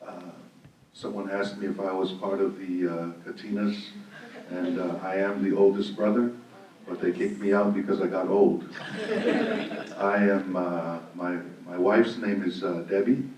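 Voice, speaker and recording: A middle-aged man, a pastor, introducing himself on a panel with lively jokes. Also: low voice, measured pace, a crowd in the background. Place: event hall. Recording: distant, echoey and dull.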